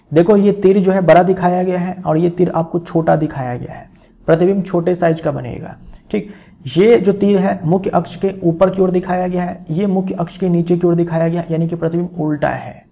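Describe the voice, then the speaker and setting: A man's voice: sits high, fairly even intonation, brisk, gravelly, warm tone. A male teacher explaining a physics lesson, repeating key phrases and checking in with his students as he goes.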